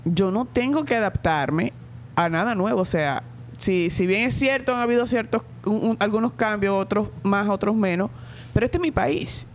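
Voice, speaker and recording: A middle-aged Dominican woman, a school director, answers interview questions thoughtfully in a Dominican Spanish accent, pausing and hesitating often. Her voice is medium in pitch, with slight background noise.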